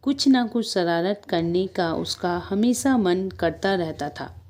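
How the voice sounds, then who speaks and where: A young woman teaching primary children, reading a story aloud in a measured, patient way. She repeats each line in simpler words and asks the class questions as she goes. Her voice sits slightly low. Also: lively intonation, a little mellow. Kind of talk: storybook lesson reading with explanations.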